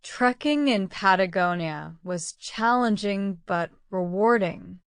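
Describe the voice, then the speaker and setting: A woman reading scripted English-learning example sentences very slowly and deliberately, in a clear, smooth voice. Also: mid-range voice, no room sound, clean studio sound. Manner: very slow, deliberate talking. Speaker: English lesson narrator.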